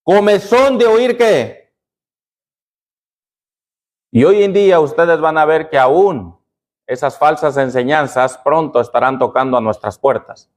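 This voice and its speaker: A man's voice: mid-range voice, normal speed. A man pastor preaching a sermon, constantly asking the congregation questions and answering them himself. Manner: call-and-response questioning of the congregation.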